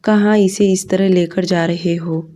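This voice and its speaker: A motherly middle-aged aunt confronts a bully firmly, as a woman narrator reads her. Her voice is mellow and steady, with a stern edge. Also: fairly low pitch, a little slow, lightly acted. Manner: firm, stern.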